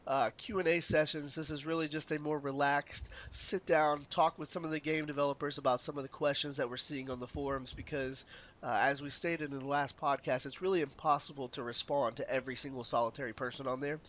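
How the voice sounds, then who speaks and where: A fairly high-voiced man getting over a cold hosts a relaxed podcast. He jokes easily and keeps the talk loose, full of fillers. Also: a little fast, slight background noise. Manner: easygoing and joking, many fillers. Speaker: podcast host.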